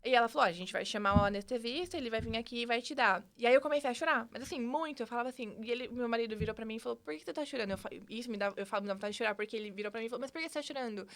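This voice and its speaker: A young woman with a Brazilian Portuguese accent, talking quickly as a podcast guest. Her voice sits a little high, and she tells her story with animated energy, jumping into quoted dialogue and restarting her sentences. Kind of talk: casual storytelling interview.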